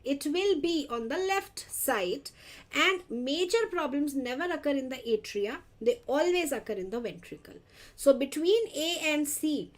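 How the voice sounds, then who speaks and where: A woman with a North Indian accent lecturing exam students, switching between Hindi and English, addressing them directly and repeating key points. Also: high voice. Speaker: lecturer for dental entrance exam. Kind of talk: interactive exam-review lecture.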